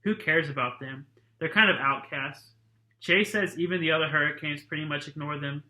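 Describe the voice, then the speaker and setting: A man, a teacher, reading a novel aloud to his students in a plain, steady, casual way. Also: on the high side, roomy sound, rough recording.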